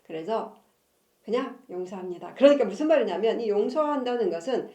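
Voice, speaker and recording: Speaking a little fast in a warm, animated, higher-pitched voice, this family-counseling channel host chats informally about marriage and reads passages from a book she wrote. Frequent laughter punctuates her sentences in an echoey room.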